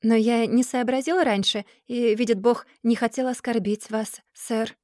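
A woman's voice: a little high, steady tone, measured pace, darkish tone, dry recording, studio quality, natural voice. A woman voicing a timid, humble young man who speaks meekly and politely, with a stammer.

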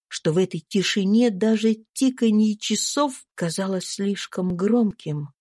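A woman's voice: medium pitch, mellow, dry recording, clean studio sound. Solemn woman narrating an audiobook. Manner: slow, solemn, deliberate. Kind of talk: scripted literary narration.

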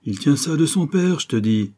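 A man's voice: on the high side, expressive, normal speed, mellow, pitched above the performer's own voice. A man voicing a harsh, bullying middle-aged husband who growls and hammers his words. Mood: blustering.

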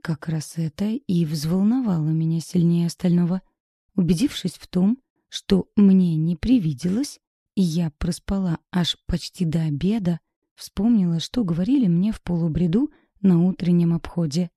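Woman reading an audiobook, husky gravelly voice, slow and inward, dead dry close mic. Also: fairly low pitch, warm tone, no echo. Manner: measured, intimate, introspective. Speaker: audiobook narrator. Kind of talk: first-person audiobook narration.

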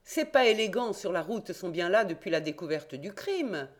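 Reading an audiobook at normal speed, a woman voices an eager, confident young male reporter-detective. She raises her voice higher, sounding excited and emphatic.

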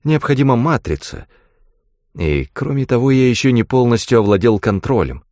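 A man's voice: medium pitch, expressive, normal speed, a little mellow, no room sound, studio quality, close to an everyday voice. A man reading an audiobook voices a man fused with a space station, speaking in a grating metallic machine voice. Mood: cold.

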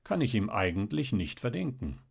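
A man voicing a genial, knowing middle-aged official and father in a read-aloud story, measured and wry. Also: on the low side, sing-song, gravelly, breathy edge, heavily acted. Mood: explaining.

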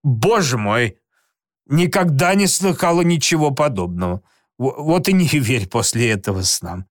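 A man's voice: mid-range voice, very animated, no echo, studio quality. A man voicing a pious, fretful old woman who fusses and exclaims, in an audiobook reading. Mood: amazed. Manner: exclaiming, fretful, slow and emphatic. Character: old woman, fussing, pious, easily moved aunt. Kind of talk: audiobook character voice.

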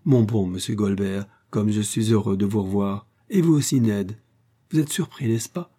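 A man's voice: on the low side, moderate pace, dark tone, husky. A man reading aloud, voicing an earnest young male inventor who speaks with heartfelt emotion. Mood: overjoyed.

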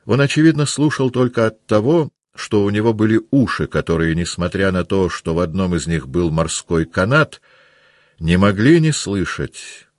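A man narrating a classic novel as an audiobook, with a measured, steady reading. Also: low-pitched, dry recording, clean studio sound. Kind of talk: scripted narration.

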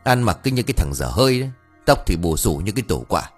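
A man voicing a cheeky, gossipy young village man who talks high and whiny, speeding up when upset. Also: sing-song, fast talker, slightly rough, faint music behind, heavily acted. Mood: chatty.

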